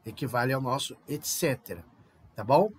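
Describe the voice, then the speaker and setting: A Brazilian man, a native Portuguese speaker with a Brazilian Portuguese accent, teaches a recorded online Spanish lesson, explaining patiently and often checking understanding with little tags like "tá?" and "né?". His medium-pitched voice has lively intonation and a moderate pace, with a little hiss or hum.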